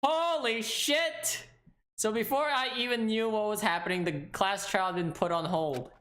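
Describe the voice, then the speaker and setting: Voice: medium pitch, fairly even intonation, fairly quick, a bit bright. A let's player reacting casually and profanely to a game and reading its narration aloud. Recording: roomy echo, faint game music behind.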